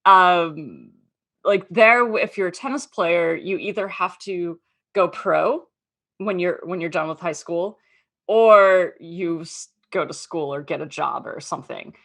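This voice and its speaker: As a podcast guest, a woman from Australia in her thirties talks chattily through an interview, full of fillers like "um" and "like." Her voice has a fairly low pitch and a fairly bright tone, delivered at a measured pace.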